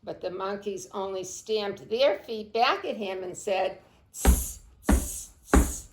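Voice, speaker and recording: A woman librarian reading a picture book aloud to children, expressive and unhurried, praising the kids by name. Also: medium pitch, loud music behind the voice. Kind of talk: storytime read-aloud. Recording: roomy echo.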